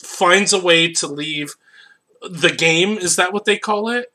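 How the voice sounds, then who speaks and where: A man's voice: high-pitched, measured pace, sharp tone. A man co-hosting a podcast, talking casually about movies in an easygoing way. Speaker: podcast co-host. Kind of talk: casual chat.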